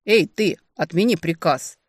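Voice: medium pitch, brisk, darkish tone, no room sound, close to an everyday voice. A narrator voicing a male demon ruler who is cheerfully menacing and cruelly amused, in a dry, close recording. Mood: commanding.

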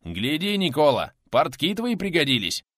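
Male narrator playing a loud, slow-talking bearded warrior with a swinging voice, dry close sound. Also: medium pitch, expressive, dry recording, natural voice. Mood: mocking.

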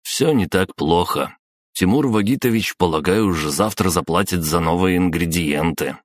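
A man's voice: deep voice, normal speed, dry recording, clean studio sound. A man voicing a serious, loyal male assistant, a former taxi driver, who speaks in a restrained and businesslike way in an audiobook. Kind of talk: audiobook character voice.

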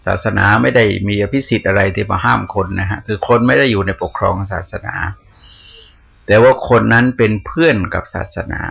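A Buddhist monk delivers a dharma talk in a low, gravelly, husky voice. He keeps it conversational, asking questions aloud and then answering them himself. The recording is dull and lo-fi.

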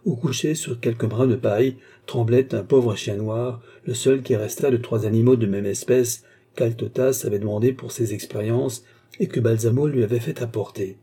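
Casting: male narrator, very dark and husky tone, steady storytelling. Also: mid-range voice, moderate pace. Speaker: audiobook narrator. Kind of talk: scripted narration of a classic novel.

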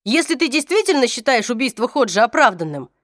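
A woman's voice: fairly high pitch, big pitch swings, brisk, fairly bright tone, no echo, clean studio sound. A woman reader voicing a stern young warrior who gives urgent orders, reading a fantasy audiobook. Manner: commanding, urgent.

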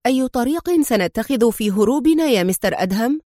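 A woman's voice: on the high side, animated, a little fast, warm tone, no echo, studio quality. A woman reading a storybook, voicing a groveling male turncoat who speaks eagerly and fawningly.

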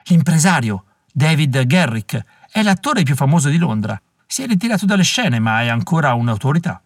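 A man's voice: a little high, sing-song, normal speed, no room sound, studio quality. A man voicing a smug male English aristocrat in an audiobook, making wry, confiding asides.

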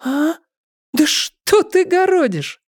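A man voicing a young waitress in an audiobook, high falsetto and pleading. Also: normal speed, a little mellow, natural voice.

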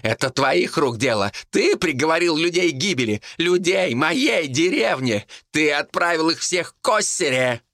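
A man's voice: on the high side, animated, moderate pace, few pauses, fairly bright tone, dry recording, studio quality, voice pushed up. A man putting on a shrieking villainous monk. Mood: ranting. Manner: shrieking, menacing, then sugary. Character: ranting scheming male monk villain.

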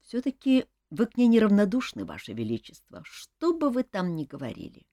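A woman's voice: medium pitch, wildly swooping pitch, moderate pace, dark tone, dry recording, clean studio sound, voice pushed up. A woman voicing a loyal young male courtier who talks urgently and anxiously, in an audiobook reading. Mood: sympathetic.

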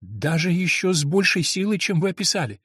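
A man voicing an innocent, trusting young girl in an audiobook, speaking softly and earnestly in a raised voice. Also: high voice, sing-song, brisk, slightly rough, no room sound, clean studio sound, full character voice. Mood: tender, earnest. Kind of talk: audiobook reading.

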